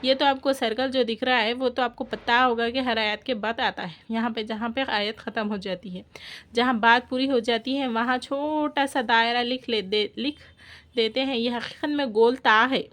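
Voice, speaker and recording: A woman explaining Quran reading marks in a casual lesson, slowly repeating and restarting her words. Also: a little high, steady tone, fairly bright tone.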